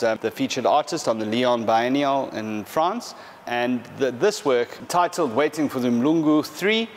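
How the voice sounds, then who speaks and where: A man in his thirties, an art specialist, talking through paintings in a large gallery hall in a measured, explanatory way, with frequent fillers and restarts. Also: medium pitch, slight background noise. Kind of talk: gallery presentation.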